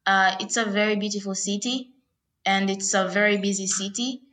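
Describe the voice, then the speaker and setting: A young Tanzanian woman, a guest whose first language is Swahili, answers interview questions casually in a Tanzanian accent. She sounds hesitant and fills her speech with lots of "uh" and "like." Her mid-range voice is steady and fairly bright, at a normal speed.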